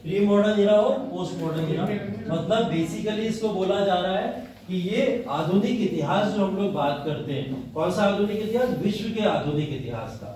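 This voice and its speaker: Teacher lecturing in an echoey classroom. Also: male voice, high voice, lively intonation, normal speed, few pauses, darkish tone. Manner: asks the class questions and answers them himself, mixing in English terms. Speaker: history teacher. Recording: very echoey room, mic far off.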